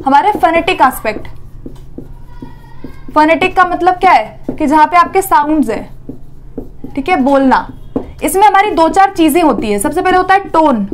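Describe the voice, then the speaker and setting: A woman's voice: very high-pitched, animated, moderate pace, pauses often, a little hiss or hum. A woman teaching an exam-prep lesson, explaining step by step, asking questions and answering them herself, often checking in with "theek hai".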